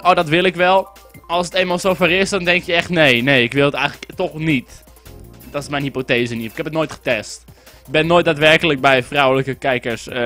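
A young man from the Netherlands talks through an online racing game in a high, bright voice that leaps up and down. He is excitable, breaking into shouts and curses when a race goes wrong. Faint game music plays under his voice. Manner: excitable, swears and yells at the game. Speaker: gaming YouTuber. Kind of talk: casual gameplay commentary.

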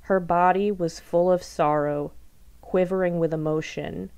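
A woman poet reading her own poem aloud, with a measured, deliberate delivery that leans on repeated phrases. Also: on the low side, fairly even intonation, a little mellow. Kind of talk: poetry reading.

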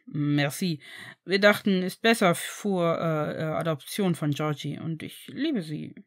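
A woman doing a halting Frenchman. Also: deep voice, voice pushed down. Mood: kind, halting. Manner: halting, searching for words. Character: hesitant Frenchman, warm fiancé.

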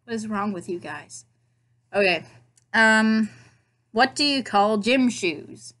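Talking to her laptop webcam in her bedroom at home, a young Nebraska vlogger with a Nebraska accent records a casual accent tag video. She's chatty and pokes fun at herself with playful asides, her medium-pitched voice expressive, slow, and fairly bright.

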